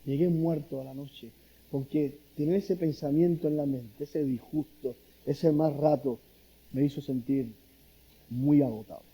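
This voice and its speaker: The speaker is a middle-aged man from Cuba, a pastor, whose voice sits fairly high with a breathy edge and a measured pace. He delivers a sermon through animated stories, raising his voice to perform the quotes.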